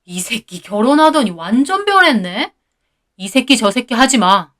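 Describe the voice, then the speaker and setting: A woman voicing a rude, angry middle-aged brother-in-law who shouts and blames others. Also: on the high side, sing-song, a little slow. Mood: angry shouting.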